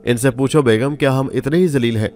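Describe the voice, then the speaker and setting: A man voicing a hot-tempered older head of household who scolds in a gruff, barking way. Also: mid-range voice, brisk, a little mellow, faint music behind, natural voice. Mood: angry.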